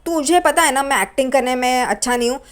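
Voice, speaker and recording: A woman's voice: high voice, fast, natural voice. Woman voicing a scheming young man. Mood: plotting.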